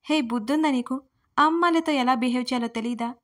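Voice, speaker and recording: A woman voicing a feisty young female college student who protests loudly and indignantly. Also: sits high, a little fast.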